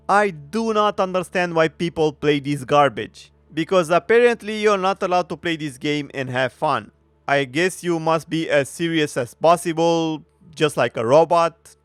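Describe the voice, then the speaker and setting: Man, sarcastic commentary, mocking, slightly high voice, smooth. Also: no room sound. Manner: sarcastic, mocking, frequent filler pauses. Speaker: commentary youtuber. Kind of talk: opinionated video commentary.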